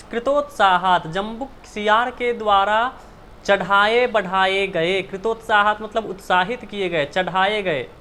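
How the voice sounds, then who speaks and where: Guy teaching a sanskrit lesson, high bright voice, slow and careful, goes word by word. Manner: reads a line then explains word by word; asks the class questions. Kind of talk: Sanskrit lesson explained in Hindi.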